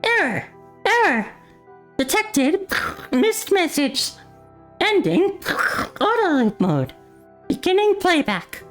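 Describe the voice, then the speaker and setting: A man's voice: very high voice, very animated, slow pace, pauses often, fairly bright tone, faint music behind, pitched above the performer's own voice, full character voice. A man voicing a small malfunctioning robot companion that keeps glitching and announcing errors in clipped robotic status lines. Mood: mechanical. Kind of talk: reading game dialogue aloud.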